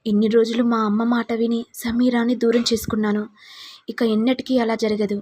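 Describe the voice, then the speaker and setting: Sneering angry young husband, woman reading it, mellow husky voice, kinda high. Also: flat delivery, brisk. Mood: bitter. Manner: taunting, accusing.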